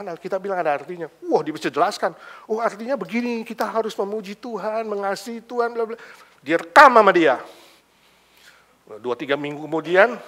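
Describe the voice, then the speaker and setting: Lively preacher guy, bright high voice, goes quiet then booms, slangy storytelling sermon. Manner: lively, shifts between hushed asides and loud emphatic bursts; mixes casual slang into preaching. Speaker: pastor. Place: church sanctuary.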